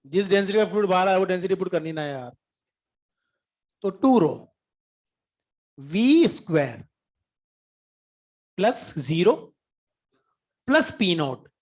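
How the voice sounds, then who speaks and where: A man's voice: high-pitched, animated, slow pace, long pauses, a little mellow. Chatty male physics teacher mid-lesson. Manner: chatty, coaxing, often asks the class if they followed; mixes English terms into Hindi speech. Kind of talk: informal classroom lecture.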